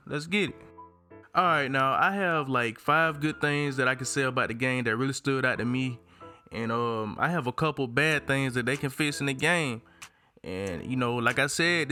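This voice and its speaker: A man's voice: mid-range voice, sharp tone. A man from Alabama with a Southern country accent, hosting a gaming channel with casual, slangy, hyped review commentary. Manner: slangy, informal hype talk.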